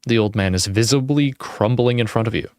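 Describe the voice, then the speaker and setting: A man's voice: lowish voice, brisk, darkish tone, clear, resonant tone, no room sound, clean studio sound. A young man reading a text adventure game aloud, breaking off into blunt casual asides. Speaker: game streamer.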